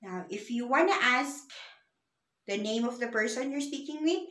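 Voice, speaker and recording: A woman's voice: a little high, lively intonation, moderate pace, fairly bright tone. A woman teaching a beginner language lesson, patiently spelling out letters and sounds one at a time. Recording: echoey room.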